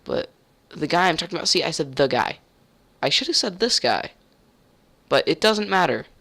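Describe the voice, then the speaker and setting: A man's voice: fairly high pitch, expressive, brisk, vocal fry, bright, forceful tone. A young man telling a heated story in a casual rant, swearing and stumbling over restarts.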